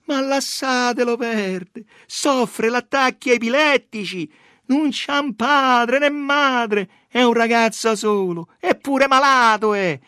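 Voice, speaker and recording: A man's voice: slow, clear, resonant tone, dry recording, clean studio sound, heavily acted. A man voicing a crowd of furious women in a storybook reading, shrieking. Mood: pleading. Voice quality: high, shrill and shouting.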